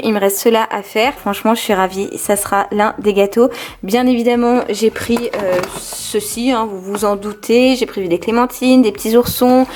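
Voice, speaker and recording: A chatty young woman with a fairly high voice talks in an upbeat way to her handheld camera. She uses lots of fillers. It is a casual home vlog recorded in her own kitchen. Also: darkish tone. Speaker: vlogger, mother.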